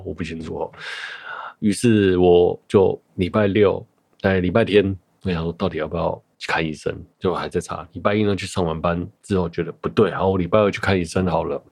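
A man's voice: low voice, darkish tone, dry recording, clean studio sound. A man in his thirties hosting a podcast, chatting casually on his own and telling a story in a rambling way, often correcting himself. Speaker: podcast host. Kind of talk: casual solo chat.

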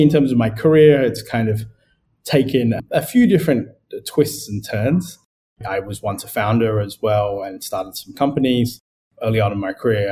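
A man with a fairly low voice who grew up in Australia, speaking as a podcast guest. He talks in a relaxed, conversational way, pausing on fillers as he works through his thoughts. A faint hiss of noise sits behind him. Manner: conversational, thinking aloud with fillers. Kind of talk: podcast interview.

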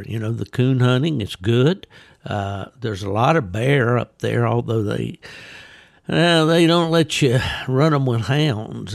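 Older man, American, creaky gravelly voice, folksy podcast host, casual rambling chat, dry close sound. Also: medium pitch, a little mellow, dry recording. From West Virginia, United States. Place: at home in a hot room he calls a sauna, fan and ice bucket.

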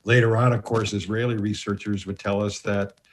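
Male host, lowish voice, explanatory, measured. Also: flat delivery, a little hiss or hum. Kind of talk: talk show narration.

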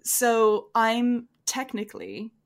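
A woman's voice: a little high, big pitch swings, slow. A young woman from Canada, a stage actor, talking enthusiastically as an interview guest. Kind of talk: casual interview.

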